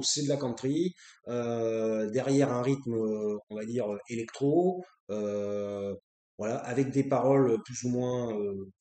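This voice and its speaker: A man's voice: mid-range voice, mellow. A man from France hosting his own show, talking off the cuff in a rambling, blunt and crude way, with many fillers and restarts. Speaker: host. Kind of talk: unscripted casual monologue. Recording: echoey room.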